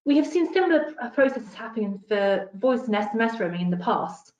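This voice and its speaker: A woman presenting an industry research briefing in a measured, explanatory way. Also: a little high, lively intonation, a little mellow, roomy sound, highs cut off. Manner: measured and explanatory, with occasional restarts. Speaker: industry analyst.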